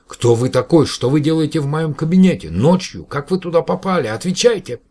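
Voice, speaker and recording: A man's voice: mid-range voice, expressive, moderate pace, voice pushed up, lightly acted. A man voicing a sleepy, irritable elderly professor who grows indignant and fussy. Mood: panicked. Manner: fussy, indignant, then coaxing.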